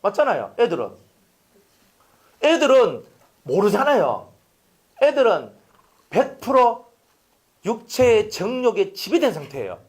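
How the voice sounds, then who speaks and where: Animated pastor. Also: male voice, sits high, measured pace, long pauses. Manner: animated, swings from loud to hushed, rhetorical questions to congregation. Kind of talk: sermon. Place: church sanctuary.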